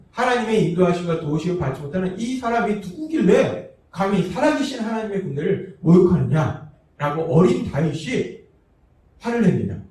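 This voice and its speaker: A man's voice: on the high side, darkish tone, slight background noise. A male pastor preaching a sermon, reading scripture verses and then retelling them, acting out the quoted lines. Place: church sanctuary. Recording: echoey distant church sound.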